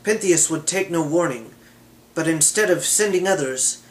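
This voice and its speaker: A man reads an old myth aloud in a steady, measured way. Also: fairly high pitch, low-quality recording. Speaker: reader.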